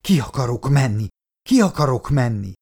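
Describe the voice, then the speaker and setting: A man's voice: mid-range voice, big pitch swings, a little mellow, husky. A man reading the lines of a frantic woman who obsessively repeats her wish to go outside, in an audiobook. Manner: repeating one phrase obsessively.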